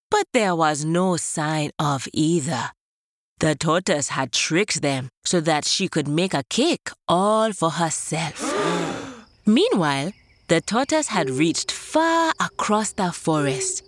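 A woman's voice: on the low side, a little hiss or hum. A woman hosting a children's story show, narrating in a playful way, like an entertainer addressing little listeners.

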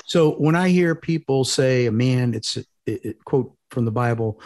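A man's voice: mid-range voice, a little slow, a little mellow. A man talking casually as a panel guest, making his points in plain, simple, repeated phrases. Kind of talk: casual discussion.

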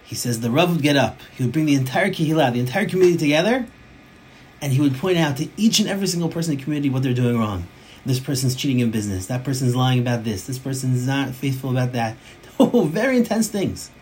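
Animated man giving a Torah class. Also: medium pitch, fast, a little hiss or hum, low-quality recording. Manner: animated, restarts phrases, mixes Hebrew terms. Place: his home office.

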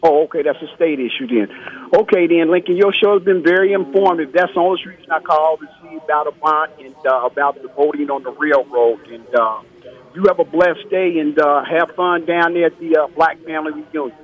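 A man's voice: on the high side, a little fast. A man calling in to a radio talk show, talking in a chatty, friendly way and asking plain questions, heard through a bluetooth headset mic on a phone call. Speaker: caller. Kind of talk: casual call-in chat. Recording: muffled phone line.

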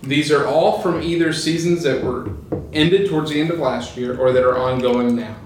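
A man hosts a casual podcast among friends. He rambles, chuckles and fills his pauses with "uh". His voice rings in an echoey room with a faint hiss underneath. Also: on the high side. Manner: rambling, chuckling, many fillers. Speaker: podcast host.

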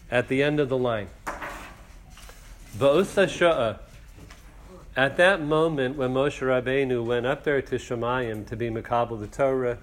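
A man leads a classroom study session in a mid-range voice, pausing to translate phrases and count down lines for his students. A faint noise sits under the recording. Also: mid-range voice. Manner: explains slowly, translating and counting lines aloud. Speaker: Torah class teacher. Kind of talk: teaching a text class.

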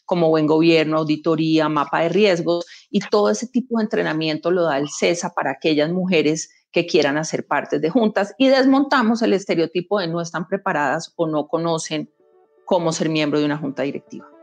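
A woman's voice: lowish voice, a little mellow. Emphatic woman executive. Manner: emphatic, anecdotal, rhetorical questions. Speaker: executive guest. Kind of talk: conversational interview.

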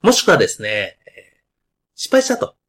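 A man hosting a podcast with a loud, carrying voice, explaining ideas in a casual monologue full of asides and fillers. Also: medium pitch, wildly swooping pitch, moderate pace. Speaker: podcast host.

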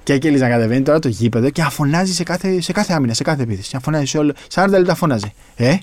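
A man co-hosting a podcast, chatting casually and recalling things quickly, often cutting in to insist. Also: a little high, expressive, darkish tone, no room sound. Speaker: podcast co-host. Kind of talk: casual chat about basketball.

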